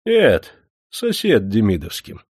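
A man's voice: lowish voice, wildly swooping pitch, slow pace, a little mellow, husky, no echo, clean studio sound, exaggerated voice. A man voicing a sly male steward who gives modest, evasive answers.

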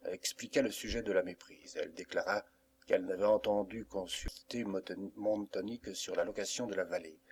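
Male narrator, low voice, measured classic-novel reading. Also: steady tone, a little mellow, a little hiss or hum. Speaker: audiobook narrator.

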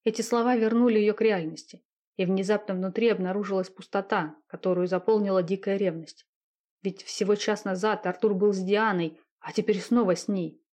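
A woman reading a romance novel aloud in a steady, intimate narrating voice. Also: mid-range voice, brisk.

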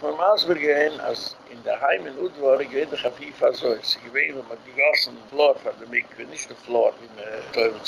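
A man's voice: on the high side, creaky, noisy background. A man, a rabbi, giving an informal, rambling lecture and mixing in English phrases.

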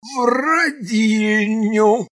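A woman doing a rattling, creaky old court mage. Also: fairly high pitch, very slow, voice pushed up. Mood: insistent. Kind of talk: audiobook character voice.

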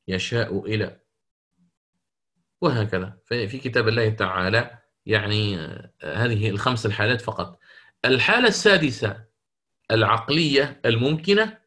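A man's voice: medium pitch, fairly bright tone. A man teaching Quran recitation rules in an interactive lesson, questioning students and correcting their answers.

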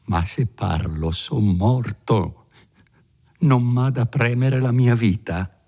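A man's voice: medium pitch, takes it slowly, mellow, voice pushed up. A man voicing a timid, anxious elderly village priest who pleads and frets, sometimes falling to a whisper. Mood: frightened pleading. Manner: pleading, fretful, drops to whispers.

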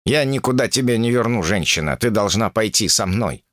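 A man voicing a proud, stubborn monkey king in an audiobook, speaking slowly and commandingly. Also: on the low side, animated, fairly bright tone, dry recording, studio quality. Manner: slow, lofty, commanding.

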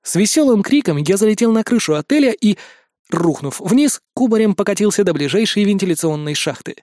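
A man narrating a story in a lively, expressive first-person audiobook reading. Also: high-pitched, brisk, no echo, clean studio sound.

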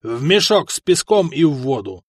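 A man voicing a booming cruel prefect. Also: expressive, moderate pace, dry recording, clean studio sound. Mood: furious. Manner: booming, commanding. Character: imperious bearded male prefect, cruel and thunderous.

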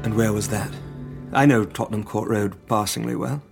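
An actor with a British accent playing a measured, uneasy gentleman doctor, restrained and probing, in an audio drama. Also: lowish voice, steady tone, creaky, over loud music. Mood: curious, wry.

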